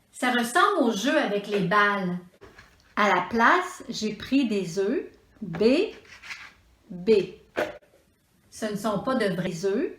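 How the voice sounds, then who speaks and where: A woman with a Quebec French accent teaching preschoolers, sounding out syllables slowly and clearly in a sing-song way. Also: medium pitch, a bit bright, slight background noise. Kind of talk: slow, deliberate teaching for young children. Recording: echoey room.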